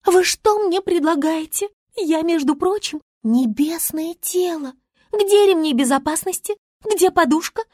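Woman doing a squeaky drama-queen star, bossy and wailing, dry close sound. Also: measured pace, darkish tone, no room sound. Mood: dramatic. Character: dramatic fussy female star, haughty.

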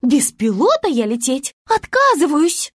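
A woman's voice: sits high, wildly swooping pitch, unhurried, no echo, clean studio sound, voice pushed up, heavily acted. A woman voicing a dramatic, haughty female star who talks in a theatrical, wailing, bossy way.

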